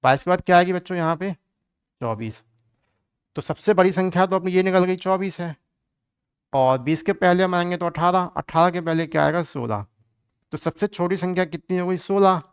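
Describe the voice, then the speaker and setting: A man's voice: high voice, normal speed, smooth, no echo, clean studio sound. A man teaching an online exam-prep math lesson in a chatty way, calling his students kids and joking as he works through problems.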